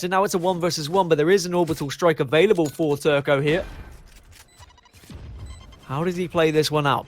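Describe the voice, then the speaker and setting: Energetic man calling an esports match. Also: a little high, slight background noise. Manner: animated, jokey banter. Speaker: esports commentator. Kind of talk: play-by-play commentary.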